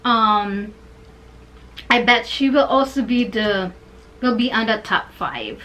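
A young woman vlogger with a high voice chats unhurriedly to her camera, gushing and breaking into excited bursts. She fills her pauses with ums and talks like a friend in a sit-down vlog.

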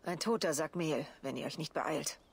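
A woman's voice: sits low, moderate pace, vocal fry, slight background noise. An actress playing a stern, dry-witted Viking warrior woman in a video game. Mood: scornful. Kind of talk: video game character dialogue.

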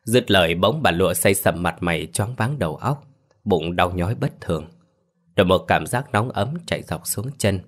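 A man with a very low voice reads a scripted ghost story in a measured, grave manner. He tells it like a practiced storyteller, steady and serious.

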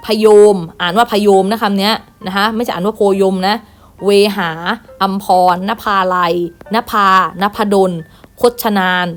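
Female primary teacher, patient list-reading lesson voice, mid pitch, faint music underneath. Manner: patient, reads each word aloud and repeats with gentle "na kha" tags. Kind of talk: online class lesson, reading word lists.

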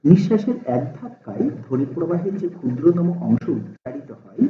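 A man teaching a lesson, explaining slowly and deliberately, stretching out sample syllables to show how they sound. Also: on the high side, very animated, slight background noise. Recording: tinny, echoey phone-like sound.

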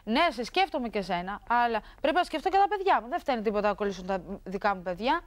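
A woman's voice: fairly high pitch, big pitch swings. A woman guest on a television talk show, arguing heatedly with her husband and mimicking what others said. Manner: agitated, quotes others mockingly. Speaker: guest in a couples dispute. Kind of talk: heated studio argument.

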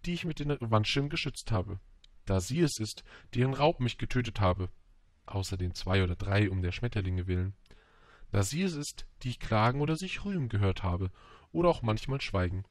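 A man voicing a gentle, earnest little boy prince in an audiobook, speaking in a slightly raised voice. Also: fairly low pitch, expressive, a little fast, no echo, lightly acted. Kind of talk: audiobook reading.

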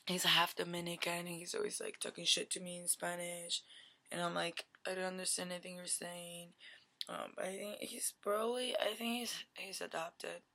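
A woman in her twenties giving a deadpan comic pitch on a webcam in a dim bedroom, rambling with lots of "like" and "you know". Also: moderate pace, gravelly. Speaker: vlogger. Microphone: webcam at desk.

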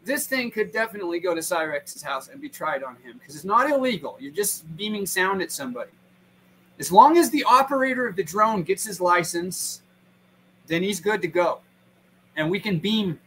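Casting: high bright man, crude rambling streamer, faint hum in the background. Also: expressive, normal speed, low-quality recording. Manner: rambling, profane, acts out imagined pranks in put-on voices. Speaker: guest. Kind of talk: crude casual chat on a stream.

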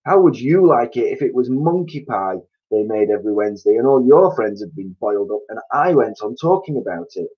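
A man's voice: mid-range voice, expressive, a little fast, slightly rough. A man voicing a plump, squeamish, indignant bird from a children's storybook, fussy and protesting, in a slightly dull recording.

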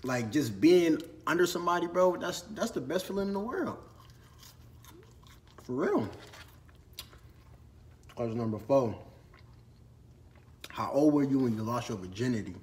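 Filmed by phone among the shelves and ladders of an indoor storage room, this Q&A vlog features a Minnesotan man in his twenties eating and chatting in loose slang. He has a medium-pitched, animated voice, talks a little slowly, and pauses often.

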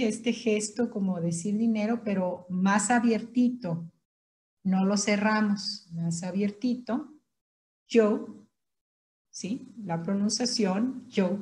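Slow, patient Mexican woman instructor. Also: medium pitch, darkish tone. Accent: Mexican Spanish. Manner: patient, explains step by step, repeats words slowly. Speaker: tai chi instructor. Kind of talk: online class instruction.

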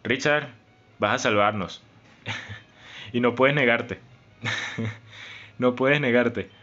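A man's voice: mid-range voice, takes it slowly, sharp tone. Emotional young man narrating gameplay. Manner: dramatic and emotional, pleading and lamenting. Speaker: gaming YouTuber. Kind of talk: Let's Play commentary. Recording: slightly dull recording with game music behind.

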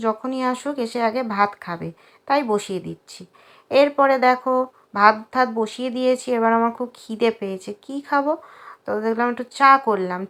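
A woman's voice: on the high side, fairly bright tone. A woman in her thirties with a West Bengal Bengali accent, chatting casually to her viewers as she goes about her day at home. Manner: chatty, addresses viewers as friends. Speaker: vlogger. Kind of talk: casual chatty vlog narration. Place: home interior.

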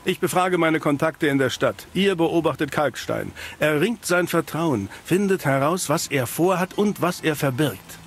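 Dry noir detective in a fantasy game, jaded and cynical, bit of rain noise behind. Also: male voice, on the high side, expressive, measured pace, few pauses. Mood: businesslike, suspicious. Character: world-weary cynical male private detective in a fantasy city. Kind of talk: scripted video game dialogue in German dub.

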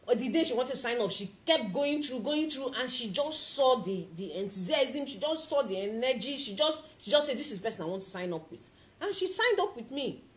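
A woman coaching on network marketing in a motivational talk to camera, animated and acting out little scenes. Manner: animated, acts out little scenes with big pitch jumps.

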